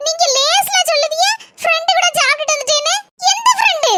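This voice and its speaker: A very high, piping cartoon wife snaps and scolds in a Kanyakumari Tamil accent. She always has a quick, quarrelsome comeback ready. Steady noise sits under the recording. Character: young wife, sharp-tongued and quarrelsome.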